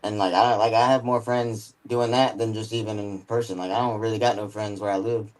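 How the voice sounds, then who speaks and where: A man's voice: fairly low pitch, level tone, fairly quick, low-quality recording. A man in his mid-twenties talking about his music as a guest, rambling and slangy with lots of filler words. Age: 20s. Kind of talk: casual chat.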